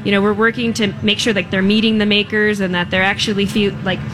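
A woman's voice: mid-range voice, flat delivery, fast talker. A woman speaking as an interview guest in an earnest, meandering, casual way. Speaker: guest, small-shop owner. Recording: noisy live fair broadcast.

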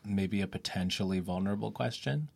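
A young man hosting a podcast, asking rambling, relaxed questions full of fillers. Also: sits low, brisk, creaky. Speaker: podcast host. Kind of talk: casual interview chat.

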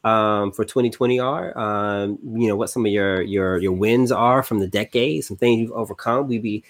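A man's voice: lowish voice, moderate pace. A man talks easily as a podcast co-host. He rambles a little, with plenty of fillers and repeats. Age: 30s. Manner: relaxed, lots of fillers and repeats. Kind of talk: casual chat.

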